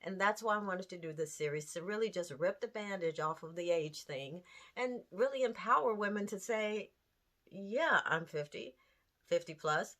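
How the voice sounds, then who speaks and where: A woman in her late fifties hosts a candid talk series, addressing the camera earnestly and conversationally, using rhetorical questions and emphasis. Her mid-range voice is animated and a bit bright, at a normal speed.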